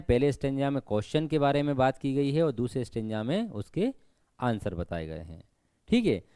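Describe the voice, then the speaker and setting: Clear-voiced man teaching an exam-prep lesson. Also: fairly high pitch, dark tone, dry recording, clean studio sound. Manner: explains step by step, asks and answers his own questions; stresses rote learning with repeated reminders.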